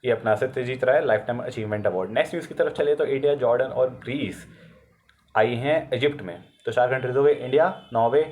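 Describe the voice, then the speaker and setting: A man's voice: mid-range voice, a little mellow, a little hiss or hum. A man with an Indian accent and a sore throat, explaining current affairs for exam students in a casual, chatty way, mixing Hindi with English and correcting himself as he goes.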